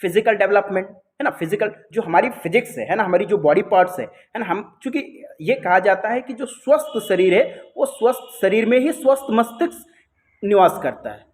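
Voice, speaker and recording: A man's voice: sits high, animated, normal speed. A man with an Indian accent giving a lecture as a teacher, often adding tag questions and mixing in English phrases.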